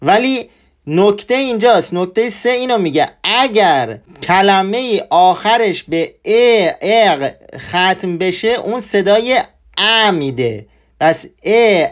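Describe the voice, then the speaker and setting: Male language teacher with a high voice, patient and repetitive. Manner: patient, repeats points. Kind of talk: explaining a language lesson.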